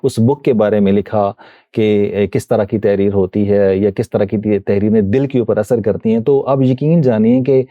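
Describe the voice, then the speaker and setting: A middle-aged man from Pakistan, a guest answering interview questions politely and hesitantly, often pausing with fillers. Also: fairly low pitch, fairly even intonation, dry recording. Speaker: guest, voice-over reader of columns. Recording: dull muffled dry sound.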